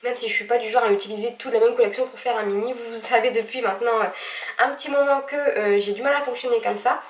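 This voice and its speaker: A woman with a blocked nose, talking a bit higher than most and hesitating often. She sounds set back from the mic, her voice echoing in a room with faint noise behind it. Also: fairly even intonation, fast talker, distant mic. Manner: chatty, many hesitations, gushing. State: stuffy nose, speaking with effort. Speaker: vlogger. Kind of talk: casual haul video.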